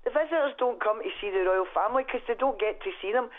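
A woman's voice: fairly high pitch, quick pace. A woman with a Glaswegian Scottish accent, calling in to a radio show over a phone line and speaking her mind in a chatty, forthright way. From Scotland. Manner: forthright, chatty, laughs between points. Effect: heard over a phone line. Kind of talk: casual phone-in chat.

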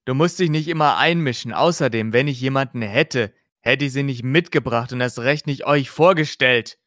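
A man's voice: mid-range voice, moderate pace, fairly bright tone, no echo, natural voice. A short-tempered young detective in an audiobook reading, snapping back with indignation, as a man reads him. His voice sits in a middle register and sounds close and dry. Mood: angry. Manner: heated, indignant.

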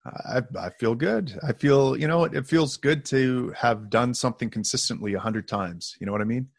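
A podcast co-host chats casually, joking around informally and throwing in some salty language. His voice sits at a medium pitch with a creaky texture, moving at a normal speed. The recording is clean studio sound with no echo.

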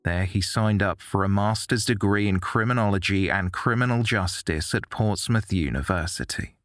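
A man giving measured, scripted narration for a true-crime documentary. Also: low voice, fairly bright tone, no echo, studio quality, soft background music.

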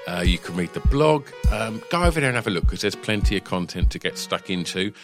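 A man's voice: on the low side, animated, fairly quick. Man hosting a podcast, music behind. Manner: friendly, wrapping up, hesitant fillers. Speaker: podcast co-host. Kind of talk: casual podcast chat.

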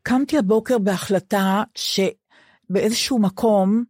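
An older Israeli woman co-hosting a podcast, talking in a measured, earnest way. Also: mid-range voice, a little mellow, breathy edge, dry recording, studio quality. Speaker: podcast co-host. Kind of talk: casual conversation.

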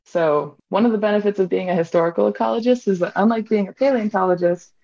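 Quick, gravelly and mellow, this mid-range woman's voice belongs to a twenties-aged PhD student from Hawaii casually discussing her research in an interview. She's chatty, leaning heavily on "like," and the sound is dull and lo-fi.

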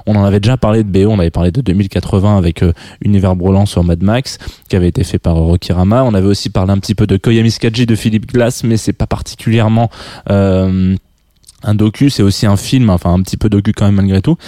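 A man's voice: on the low side, fairly even intonation, fast talker, mellow, dry recording, studio quality. A young man hosting a radio show, talking casually and rambling with many fillers and restarts. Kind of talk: casual talk about film soundtracks.

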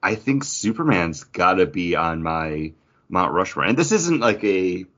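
Co-hosting a relaxed podcast, a man with a low voice explains his thoughts as though chatting in a group. He uses big pitch swings at a measured pace and sounds a bit bright, though the audio is slightly dull and band-limited.

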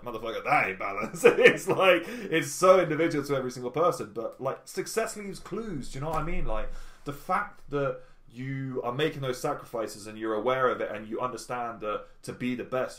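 A man's voice: medium pitch, a bit bright, echoey room. A man hosting a casual podcast, talking bluntly with lots of swearing and acting out imagined bits of dialogue as he rambles. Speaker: podcast host.

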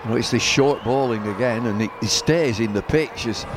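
A man's voice: mid-range voice, normal speed. A man co-commentating on cricket with unscripted analysis in short phrases. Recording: clear outdoor ground noise.

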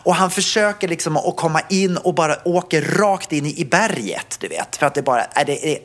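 A podcast co-host telling a story in casual chat, acting out their own shouts and panic. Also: medium pitch, expressive.

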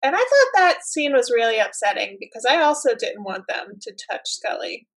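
A woman's voice: fairly high pitch, very animated, normal speed, a bit bright, rough recording. A woman co-hosting a casual chat, musing her way through her thoughts with frequent fillers. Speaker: podcast co-host. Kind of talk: casual chat about a TV episode.

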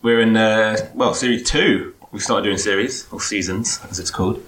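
Chatty low-voiced English host. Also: male voice, moderate pace, fairly bright tone. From Hertfordshire, England. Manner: chatty, laughing often. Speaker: podcast host. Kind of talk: casual chat.

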